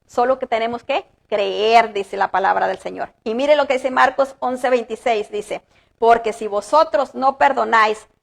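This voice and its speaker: High-voiced woman pastor preaching earnestly. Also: vocal fry. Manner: earnest, rises with emphasis, slows to read scripture. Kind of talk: sermon. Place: church.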